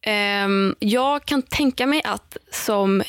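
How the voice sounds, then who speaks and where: A young woman in casual chat, talking quickly and reflectively with fillers. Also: mid-range voice, smooth, dry recording, studio quality. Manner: fast reflective talk with fillers.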